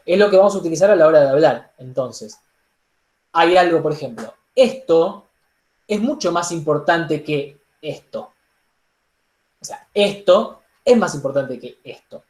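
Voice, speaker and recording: A man's voice: fairly high pitch, fairly quick, echoey room. Argentine man coaching public speaking. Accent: Argentine Spanish. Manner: animated, demonstrative, repeats "digo" and "entonces". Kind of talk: online workshop lesson. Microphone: laptop microphone on a video call.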